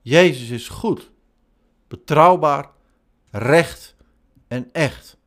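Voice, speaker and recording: A man preaching a sermon in slow, measured short phrases. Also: on the high side, a bit bright. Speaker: pastor.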